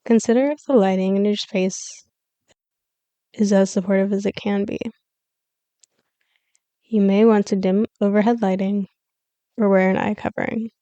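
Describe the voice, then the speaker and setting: A woman leading a scripted guided meditation as a yoga nidra teacher, giving calm, soothing, measured instructions with pauses. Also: mid-range voice, clear, resonant tone, no room sound.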